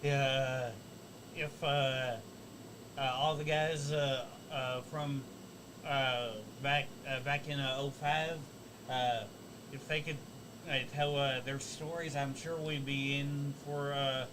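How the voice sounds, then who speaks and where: A man co-hosting a casual wrestling talk show, speaking haltingly with many filler sounds. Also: mid-range voice, little pitch movement, noisy background. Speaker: co-host.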